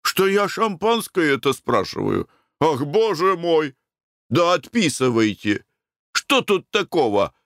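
A man's voice: on the high side, very animated, slow, a bit bright, dry recording, studio quality, pitched above the performer's own voice, full character voice. A man voicing a cheerful, free-spending merchant in a storybook reading. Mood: boisterous. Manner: boisterous, hearty.

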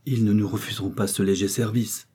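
A clever young society lady who smooths over a quarrel , as a male reader puts her on. She talks smoothly and persuasively, choosing her words with care. The voice sits low with a mellow, slightly husky tone. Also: little pitch movement, a little fast. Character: clever, gracious young married society woman.

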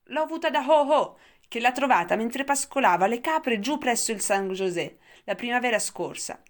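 A woman's voice: fairly high pitch, expressive, moderate pace, voice pushed up, close to an everyday voice. A woman voicing a cheerful, teasing young boy in a storybook reading. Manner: bright, teasing, loud.

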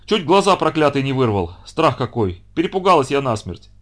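A man voicing an old village grandmother who scolds and wails in a raised, shrill voice. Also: big pitch swings, fairly quick, natural voice. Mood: lamenting. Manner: wailing, scolding.

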